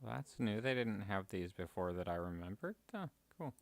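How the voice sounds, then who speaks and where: Chatting casually while gaming on stream, this man rambles, corrects himself and chuckles now and then. His gravelly voice sits on the low side yet sounds very animated at a normal speed, with no echo.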